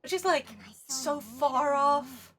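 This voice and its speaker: A woman from Sweden with a Swedish accent streams and chats casually with her live chat, rambling and animated, laughing often. Her voice is high-pitched and she takes her time.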